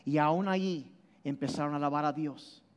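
A man preaching a sermon, animated and emphatic, often repeating and restarting his words as he explains. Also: moderate pace, clear, resonant tone. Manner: animated, shifts between loud emphasis and low intensity. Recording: long hall reverb.

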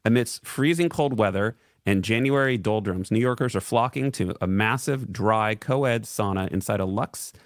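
A man co-hosting a radio talk show, reading odd news stories aloud with playful mock excitement. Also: on the low side, moderate pace, few pauses, no echo, studio quality. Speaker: radio co-host. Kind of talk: casual news banter.

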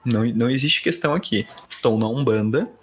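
A man with a Paulistano Brazilian accent talks through his ideas as an interview guest. His voice sits at an ordinary middle pitch. He is measured and reflective, laying out each point step by step. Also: slightly rough. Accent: Paulistano Brazilian Portuguese. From São Paulo, Brazil. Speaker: podcast guest. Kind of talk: conversational interview.

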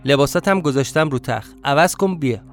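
A man's voice: on the high side, animated, faint music behind. A man voicing a kind, affectionate young woman who coaxes fondly, in a story reading. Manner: warm, coaxing, fond.

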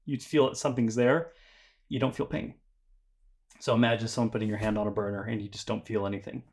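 A man's voice: fairly low pitch, flat delivery, quick pace, creaky, darkish tone. A man co-hosting a podcast, chatting casually in a rambling, jokey way and often stumbling over his words. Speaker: podcast co-host. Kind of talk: casual chat.

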